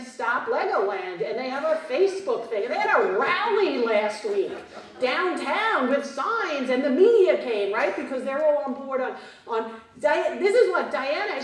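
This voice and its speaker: High lively woman giving a pep-talk keynote, keeps asking the crowd "right?", big echoey hall, mic a bit far off. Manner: animated, audience-prompting with frequent "right?". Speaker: keynote speaker. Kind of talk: motivational keynote speech. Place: conference hall with audience. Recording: roomy hall, distant mic.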